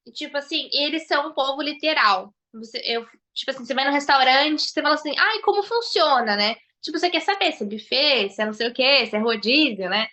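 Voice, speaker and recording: A Brazilian woman with a Brazilian Portuguese accent talks over a video call as a podcast guest. Her voice sits high and bright. She tells her stories vividly and acts out the lines of the people in them. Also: fast talker, hardly any pauses. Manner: animated storyteller, acts out quoted dialogue. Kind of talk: casual podcast chat.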